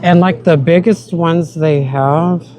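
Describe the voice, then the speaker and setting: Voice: medium pitch, fairly even intonation, slow, a crowd in the background, low-quality recording. A vlogger with an American country accent, chatting casually to viewers while shopping in a store and calling them y'all. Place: store, indoors.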